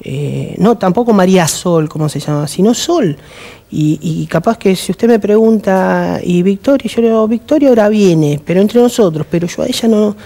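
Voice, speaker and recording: A man speaking as a guest on a TV interview, reflective and halting, with many restarts and pauses. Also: high voice, vocal fry, dark tone.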